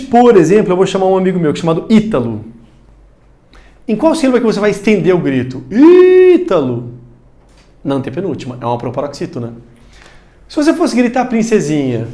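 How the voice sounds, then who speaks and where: Brazilian male teacher, recorded video lesson, lively pitch, slightly high voice, speaks right to the viewer. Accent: Brazilian Portuguese. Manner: animated, addresses viewer directly, shouts example words. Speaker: Portuguese teacher.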